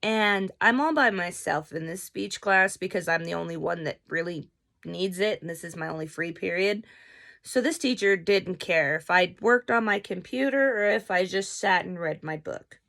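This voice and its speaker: Gravelly, chatty young woman telling a story. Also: lowish voice, moderate pace. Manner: animated, profane, chatty. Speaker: vlogger. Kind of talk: casual storytelling.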